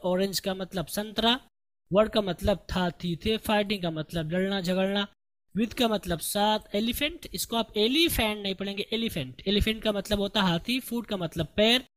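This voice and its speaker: A man teaching an English lesson, explaining a text line by line and reading the English sentences out slowly. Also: high-pitched, a bit bright. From India. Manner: slow, deliberate explaining, reads English lines very slowly.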